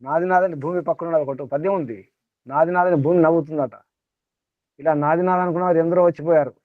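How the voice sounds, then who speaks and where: A man speaks to a small group as a spiritual teacher, his pitch somewhat raised and his pace quick but steady in tone. He keeps returning to the same phrases and pressing the audience with rhetorical questions, over a thin, phone-like, close and dry sound with no room sound.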